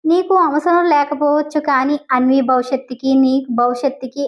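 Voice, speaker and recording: A woman's voice: high-pitched, a little fast, natural voice, low-quality recording. Woman voicing a grave elderly patriarch. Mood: earnest. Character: stern elderly businessman, guardian figure.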